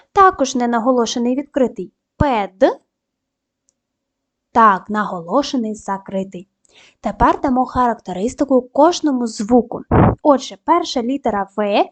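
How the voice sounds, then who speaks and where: A woman teaching a primary school video lesson, giving clear step-by-step instructions and spelling out sounds slowly with upbeat praise. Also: on the high side. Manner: clear, slow, syllable-by-syllable dictation; upbeat praise between tasks.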